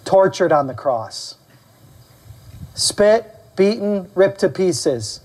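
Animated male pastor preaching a sermon. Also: slow pace. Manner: animated preaching, acting out quoted voices with rising pitch; asks the congregation questions and calls for amens. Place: church service.

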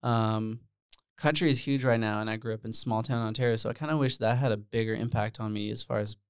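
This guest musician, born in the Netherlands and in his twenties, talks fast in a lowish, clean, fairly even voice, wandering off track with lots of fillers and poking fun at himself. It's a casual interview in a small room with bare walls, recorded at studio quality with no room sound on a handheld dynamic mic while he wears headphones.

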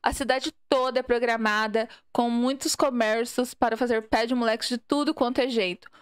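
A woman's voice: on the high side, fairly even intonation, normal speed, clean tone, dry recording, clean studio sound. A young woman from Minas Gerais with a Minas Gerais accent, chatting casually with viewers as a game streamer and reading the chat aloud. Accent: Minas Gerais Portuguese. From Minas Gerais, Brazil. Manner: chatty, reads chat aloud, mixes in English words.

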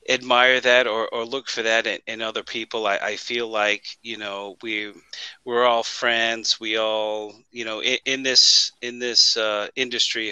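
A man with a very bright, sharp tone talks on a podcast. He pauses and hunts for his words as he goes. His voice sounds close and dry. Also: mid-range voice, clear, resonant tone, dry recording, poor audio. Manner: halting, searching for words. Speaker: band drummer, guest. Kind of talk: casual podcast chat. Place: dark room at home. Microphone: headphones and microphone.

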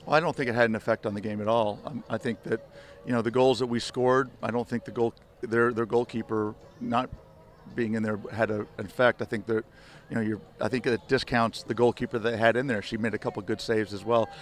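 A man's voice: mid-range voice, fairly even intonation, fairly quick. An older man, a head soccer coach, giving a rambling postgame interview on a field at night, full of restarts and fillers. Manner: rambling, many restarts and "you know" fillers. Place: outdoor stadium field at night. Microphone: handheld reporter mics held close.

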